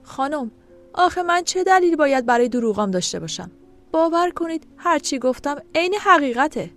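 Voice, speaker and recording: A woman's voice: sits high, very animated, soft background music, voice pushed up. A woman voicing a blunt, insistent adult man on the phone in an audio story, in a firm, pressing way. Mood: heated.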